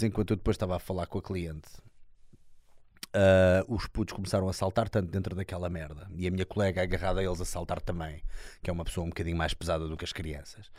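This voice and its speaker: A man's voice: on the low side, no echo, clean studio sound. A man with a European Portuguese accent telling a story on his podcast, slangy, swearing and acting out quotes. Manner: animated, slangy, swears a lot, acts out shouted quotes. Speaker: podcast host. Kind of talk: casual storytelling monologue.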